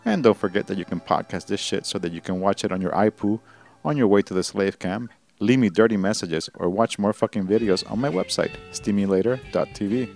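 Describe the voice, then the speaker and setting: A man's voice: lowish voice, fairly quick, darkish tone, faint music behind. A male host signing off his show, wisecracking and profane as he rattles off thank-yous. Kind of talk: irreverent show sign-off.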